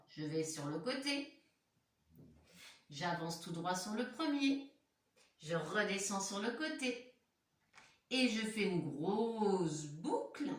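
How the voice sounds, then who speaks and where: A woman's voice: medium pitch, a bit bright, far from the mic. A woman primary school teacher guiding young children stroke by stroke through a handwriting lesson. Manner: slow, step-by-step dictation of letter strokes. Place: room at home. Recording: roomy echo, voice from off the mic.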